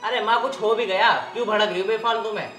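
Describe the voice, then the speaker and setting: A man's voice: high-pitched, fairly even intonation, fast, fairly bright tone, faint music behind. A man playing a tired young husband caught between his mother and wife, placating her. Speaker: son. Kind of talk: rural film drama acting. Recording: roomy echo.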